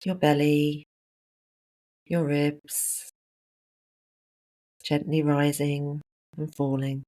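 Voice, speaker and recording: A meditation instructor guides a breathing practice in a very even, mid-pitched voice. The delivery is calm and unhurried, laid out in short, spaced phrases.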